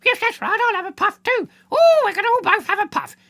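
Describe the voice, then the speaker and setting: A shrill, squawking Punch puppet chirps at the children in a cheeky singsong. The voice sits very high and cuts through with a bright, piercing edge. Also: male voice, big pitch swings, a little fast, full character voice.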